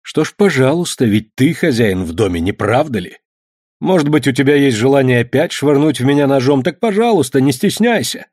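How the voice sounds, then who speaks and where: A man with a husky voice playing an ironic middle-aged father who is sharp and mocking, then tender, in a read-aloud novel. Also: mid-range voice, animated, normal speed, dry recording, studio quality. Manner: sarcastic, then soft and tender.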